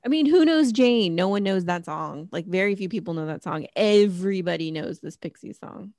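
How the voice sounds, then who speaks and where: A relaxed woman co-host in casual chat, wry and teasing. The sound is dry and close, with no room around it. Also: fairly low pitch, moderate pace, dry recording. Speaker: podcast co-host.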